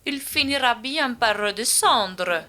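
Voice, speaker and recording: A woman voicing a calm, firm older dance teacher in a storybook reading, giving gentle but commanding instructions. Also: a little high, slow pace, exaggerated voice.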